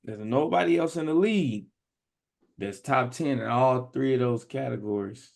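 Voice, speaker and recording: Hoarse, gravelly man talking hoops. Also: mid-range voice, normal speed, darkish tone. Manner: loose, slangy, emphatic. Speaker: podcast co-host. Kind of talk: casual sports chat.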